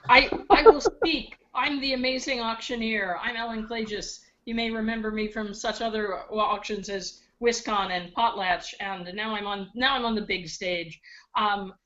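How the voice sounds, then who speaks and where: A woman's voice: mid-range voice, steady tone, normal speed, pushed and bright. A woman who is a charity auctioneer, chatting casually in a playful, joking way. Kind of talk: casual chat. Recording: dull lo-fi audio.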